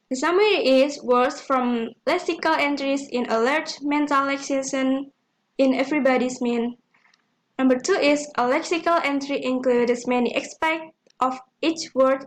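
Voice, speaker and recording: A young woman, a student presenter carefully reading a class presentation aloud with small slips. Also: high voice. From Indonesia. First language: Indonesian. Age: young adult.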